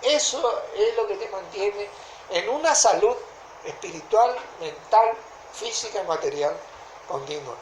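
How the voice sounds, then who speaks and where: A woman with a Rioplatense Argentine accent preaching a sermon in a deliberate way, often stopping to ask whether listeners follow. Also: mid-range voice, animated, a little hiss or hum. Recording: echoey room.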